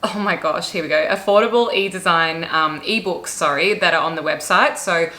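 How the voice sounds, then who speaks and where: A chatty young woman vlogging casually about her day, her voice sitting a little low. She talks easily and apologizes for her hiccups as they come. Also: moderate pace, sharp tone. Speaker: vlogger and interior designer. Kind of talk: casual vlog chat.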